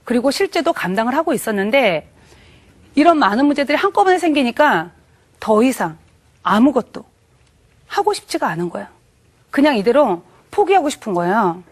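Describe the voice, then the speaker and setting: A woman giving a personal faith testimony in church, earnest and emotional, with halting pauses. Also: high voice.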